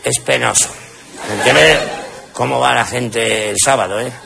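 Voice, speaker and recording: A man with a Spanish accent voicing a drunk man who flatters a police sergeant, slurring and overly polite, live on stage with audience noise. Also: medium pitch, normal speed, creaky. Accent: Spain.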